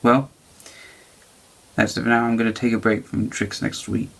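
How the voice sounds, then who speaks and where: A man presenting a card trick to camera in halting, deliberate magician's patter, with a low, creaky voice. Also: level tone. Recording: faint background noise.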